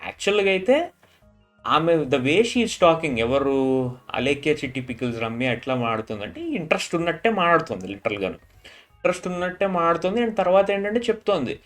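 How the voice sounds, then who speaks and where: A man's voice: fairly high pitch, sing-song, a little fast, a bit bright, soft background music. A man casually recapping a reality show episode. He drops his voice when he quotes people and keeps repeating filler tags. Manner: retells scenes, dropping his voice for quoted lines.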